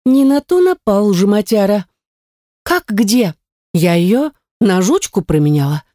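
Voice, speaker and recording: A woman's voice: mid-range voice, expressive, slow, mellow, dry recording, clean studio sound. A woman voicing a sassy young heroine who fires back with cheeky, indignant retorts. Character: sassy young heroine, quick-tongued and defiant.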